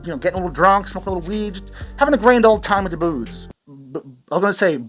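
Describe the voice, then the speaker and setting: Talking fast in a high, fairly bright voice, a man rants on his satirical commentary channel. He's sarcastic, rambling, and self-amused, and his rant is profane, with lots of swearing. Soft background music accompanies him.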